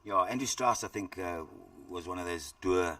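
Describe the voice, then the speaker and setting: A man's voice: deep voice, normal speed, fairly bright tone, recorded from a distance. A middle-aged South African man giving live cricket commentary in a chatty, rambling way, with many fillers.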